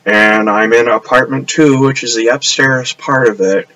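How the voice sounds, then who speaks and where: A man's voice: medium pitch, steady tone, moderate pace, pushed and bright, poor audio. A man rambling casually on a live stream from his upstairs apartment, trailing off and restarting often.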